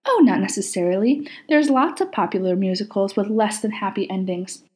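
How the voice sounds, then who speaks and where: A woman's voice: medium pitch, lively intonation, a little fast, a little mellow, lightly acted. A woman voicing a fussy, fond male angel who speaks in a gracious, lilting way.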